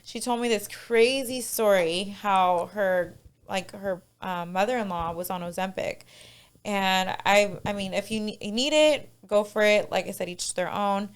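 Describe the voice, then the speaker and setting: A woman's voice: medium pitch, a little slow, clear, resonant tone. A woman personal trainer as a podcast guest, chatting casually with frequent fillers and giggles.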